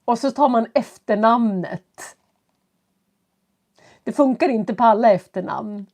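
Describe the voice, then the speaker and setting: Woman, stuffy nose, slight cough, slow clear teacher talk, casual live-stream chat from home. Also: a little high, darkish tone. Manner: slow, clear speech for learners, greeting viewers. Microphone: computer setup.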